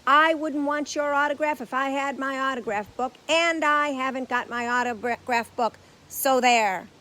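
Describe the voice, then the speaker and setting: A woman's voice: sits high, a little slow, pushed and bright, voice pushed up, rough recording. A woman voicing a polite, earnest small young bear who speaks patiently and firmly in a storybook.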